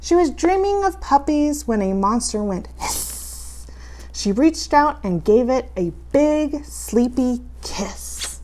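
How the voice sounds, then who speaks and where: A woman reading a children's story as a campy horror host, with dramatic, playfully spooky, drawn-out delivery. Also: sits high, expressive, a little mellow, a little hiss or hum.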